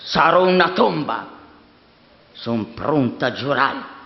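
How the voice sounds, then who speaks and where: Stage reading: female actor as devoted, prying Milanese housekeeper, slow and exclamatory, muffled reverberant hall. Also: very deep voice, animated, creaky, pitched below the performer's own voice, exaggerated voice. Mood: coaxing. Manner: pressing, questioning, exclamatory. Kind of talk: theatrical dialect reading.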